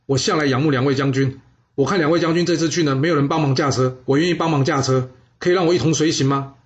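A man's voice: a little high, fast, dull audio, natural voice. A man voicing an eager, selfless young soldier who speaks in a rush.

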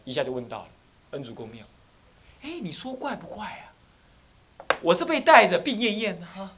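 A man in his thirties, a Buddhist abbot, giving a dharma talk full of animated personal stories and phrases. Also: high-pitched. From Taiwan. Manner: animated storytelling, slips into Taiwanese phrases.

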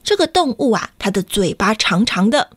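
A woman's voice: medium pitch, very animated, moderate pace, husky, no echo, clean studio sound. A woman storyteller reading a picture book aloud to children in a playful, sing-song way, often asking them questions.

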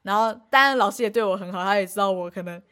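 A woman's voice: mid-range voice, very fast, fairly bright tone. A young woman, co-hosting a casual podcast and telling a story in a rambling way, with frequent restarts and acted-out quotes. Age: young adult. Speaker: podcast co-host.

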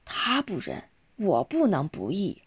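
A woman's voice: lowish voice, unhurried, breathy edge, exaggerated voice. A woman reading the lines of an earnest, principled older man in a spoken storybook. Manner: earnest, steady reasoning.

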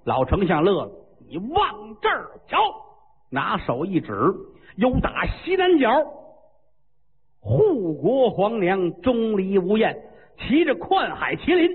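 A man telling a traditional story in a vivid, animated way, acting out sound effects. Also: high voice, a little slow, slightly rough. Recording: tinny phone-like with long reverb.

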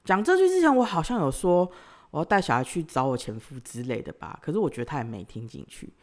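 A woman, hosting a podcast and telling a personal story, swinging between loud outbursts and quiet sighs. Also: deep voice, sing-song, quick pace. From Taiwan. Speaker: podcast host.

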